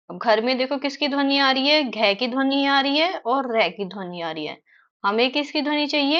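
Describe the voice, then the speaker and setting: A woman teacher explaining word sounds to young children, repeating each word slowly and checking in with them often. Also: fairly high pitch, muffled recording. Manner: slow, stretched-out repetition of words; frequent tag questions to children. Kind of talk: children's phonics lesson.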